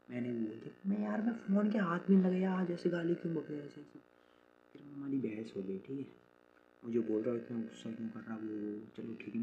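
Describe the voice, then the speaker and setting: A young man venting in a personal vlog, frustrated and hurt, talking through his troubles with lots of fillers and restarts. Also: medium pitch. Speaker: vlogger. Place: rural home with farm. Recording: slightly dull lo-fi audio with faint ambient noise.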